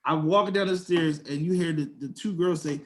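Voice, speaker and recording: A man's voice: on the high side, a little fast. A young man, co-hosting a podcast and telling a story in slangy casual chat, acting out quotes in a raised voice. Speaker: podcast co-host.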